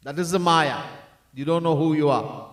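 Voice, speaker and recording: A slightly high-voiced man speaking at normal speed gives a devotional discourse as a swami, earnestly going over his main points again and at times singing verses. The echoey temple hall is recorded with the microphone far away.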